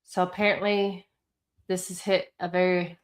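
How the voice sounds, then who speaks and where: A woman chatting casually as a livestream host, halting and distracted, her speech slightly impeded by a swollen tongue. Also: on the low side, level tone. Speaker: livestream host commenting on trials.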